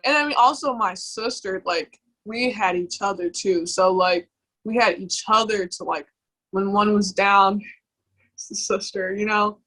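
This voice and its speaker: A young woman with a bright, clear voice. She shares personal memories in a candid conversation and keeps halting, circling back with fillers and restarts. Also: mid-range voice, rough recording. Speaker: guest.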